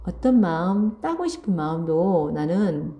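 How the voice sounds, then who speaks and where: Her voice sits on the low side with big swings in pitch, and the highs sound cut off. This woman, a Korean language teacher, reads a story aloud in an online literature class and walks through it line by line, going back over key words slowly and asking "그치?" to check on her students.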